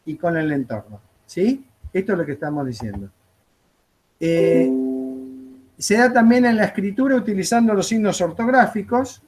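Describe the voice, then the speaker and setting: A man with an Argentine accent, teaching an aviation course in a classroom, chatting through anecdotes with frequent fillers. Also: high voice.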